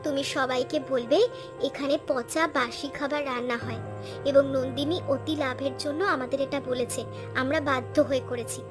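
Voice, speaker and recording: Cartoon role: a woman as a high-voiced, bossy scheming village wife, faint music behind. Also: fairly even intonation, normal speed, natural voice. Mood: commanding. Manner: bossy, commanding. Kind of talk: cartoon dubbing.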